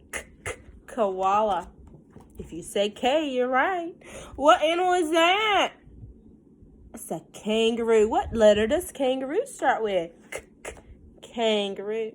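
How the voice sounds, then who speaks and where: Like a teacher with young children, a woman reads a picture book aloud in an expressive, sing-song voice, adding simple questions and asides. Her voice sits on the high side, and she keeps a measured pace with frequent pauses.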